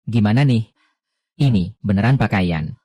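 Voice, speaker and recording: Low, mellow-voiced man narrating recap. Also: lively intonation, measured pace. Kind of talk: casual anime recap narration.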